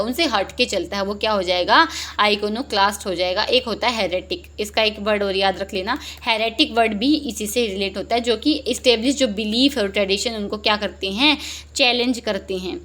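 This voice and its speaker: A young woman teaching exam vocabulary, joking and lively, reading each answer option slowly before explaining it. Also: mid-range voice. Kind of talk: exam-prep lesson, Hindi mixed with English.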